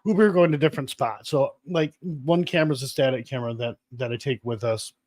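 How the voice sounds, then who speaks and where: A man's voice: medium pitch, a little fast, darkish tone, dry recording, studio quality. A man co-hosting a live stream, chatting casually in a rambling, joking way with some swearing. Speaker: podcast co-host.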